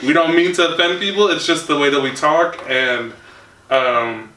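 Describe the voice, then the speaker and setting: A man's voice: a little high, moderate pace, bright, forceful tone. A young man hosting a casual podcast chat, laid-back and rambling, chuckling often. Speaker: podcast host. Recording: echoey room from far off, faint noise.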